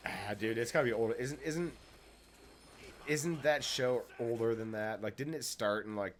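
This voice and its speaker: A man's voice: medium pitch, moderate pace, a little hiss or hum. A man in casual chat while gaming, blunt and cynical, reeling off complaints.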